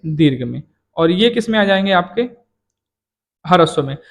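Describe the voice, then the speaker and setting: A man teaching a classroom lesson who asks questions and answers them himself, dropping lower on each answer. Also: expressive, moderate pace. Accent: Hindi, from eastern Uttar Pradesh.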